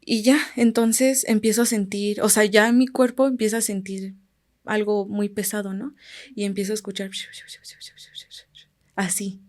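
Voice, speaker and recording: Speaking slowly and with long pauses, a woman from Guerrero, Mexico tells a casual story as a guest on a podcast. Her Mexican Spanish accent, middle pitch, and calm delivery stay steady, though her phrases often sink to a near murmur as they close.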